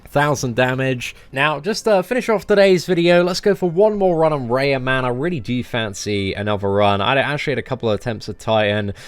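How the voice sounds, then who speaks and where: A young man giving casual game commentary as a boss guide, chatty and relaxed with lots of fillers. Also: medium pitch, fairly quick, few pauses, clear, resonant tone, no room sound. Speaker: gaming channel host.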